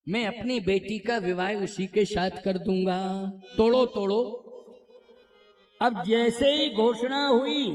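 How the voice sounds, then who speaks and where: A man preaching a devotional sermon, telling a scripture story, singing its verses drawn out and asking the audience questions. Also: high voice. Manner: sings verses slowly, drawn out. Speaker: spiritual preacher. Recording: echoey hall with music behind.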